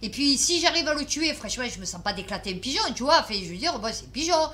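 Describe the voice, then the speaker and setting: Woman vlogger, tired, chatty storyteller, slightly high, bright and forward tone. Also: very animated, quick pace. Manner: chatty, swears, many fillers and restarts. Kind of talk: casual storytelling to camera.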